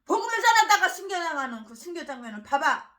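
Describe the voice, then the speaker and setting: A woman pastor delivering a fiery, ranting sermon that swings between loud bursts and low, trailing drops. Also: very animated, quick pace.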